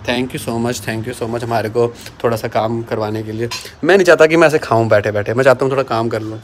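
In casual cooking-vlog chat, a man films at home with his phone and teases playfully along the way. He speaks briskly in a steady, mid-range voice, with slight background noise present.

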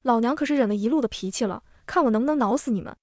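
A woman's voice: fairly high pitch, very fast, darkish tone, dry recording, clean studio sound, lightly acted. A woman voicing a fierce, boastful female house cat in an audio comic, with a menacing tone.

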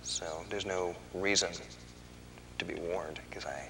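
A middle-aged man answering as a guest in a studio interview, calm and soft-spoken. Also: low-pitched, measured pace, gravelly, a little hiss or hum, low-quality recording. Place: TV studio with green-screen backdrop.

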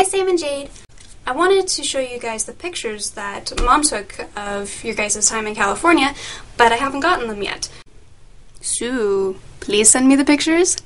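A young woman in a casual, playful video message to family, talking quickly into a video camera in a room at home. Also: a little high, a bit bright, a little hiss or hum. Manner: chatty, rushed, playful. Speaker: vlogger. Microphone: video camera mic.

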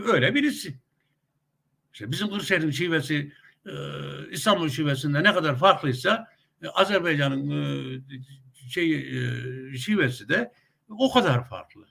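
A man's voice: fairly high pitch, creaky, bright, forceful tone, breathy edge. A middle-aged man giving casual spoken commentary with anecdotes, talkative, with many hesitation sounds and emphatic rising outbursts. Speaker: commentator on a web TV channel.

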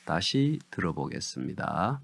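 A man teaching English pronunciation, explaining syllables slowly and reading each word out one by one. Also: low-pitched, very animated, vocal fry. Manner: drawn-out deliberate word-by-word reading. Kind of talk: slow instructional explanation.

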